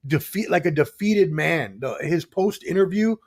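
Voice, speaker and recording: A man's voice: on the high side, animated, moderate pace. A man appearing as a guest sports analyst on a casual podcast over a video call, talking conversationally and emphatically as he makes his points.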